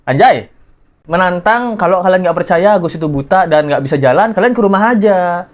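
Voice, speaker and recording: A man's voice: sits high, expressive, brisk. A man hosting a casual gossip reaction commentary, teasing and laughing often as he jokes. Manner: mocking, laughs often, jokey wordplay. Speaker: commentary host.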